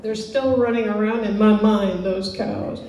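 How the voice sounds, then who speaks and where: A woman's voice: mid-range voice, fairly even intonation, crowd noise. A woman giving a casual, hesitant speech to party guests as host. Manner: unhurried, hesitant, with fillers. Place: event venue hall. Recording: echoey hall from far off.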